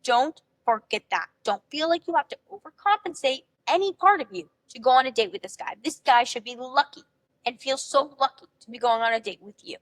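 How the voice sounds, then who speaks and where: A young woman giving casual, upbeat dating advice to camera, chatty and full of "like" and "literally", acting out quoted lines in a high excited voice. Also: fairly quick, no room sound.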